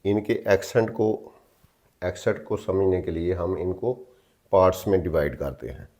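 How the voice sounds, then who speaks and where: A man teaches English grammar in a mix of Hindi-Urdu and English, patiently repeating himself, spelling words out letter by letter, and checking in often with listeners. His voice sits low with a darkish tone at a moderate pace.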